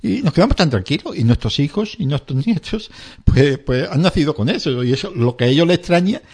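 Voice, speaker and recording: A man's voice: a little high, lively intonation, brisk, a little mellow, breathy edge. A middle-aged man talking as a doctor on a radio health segment. He explains things plainly with homely examples and acts out what patients say.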